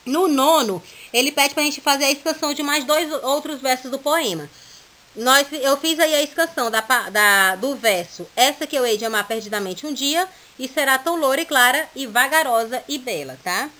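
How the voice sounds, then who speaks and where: A woman's voice: sits high, sharp tone. A woman with a Brazilian Portuguese accent, teaching a recorded lesson, reading exercises aloud and explaining them patiently, often checking in with her students. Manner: reads exercises aloud, then explains slowly.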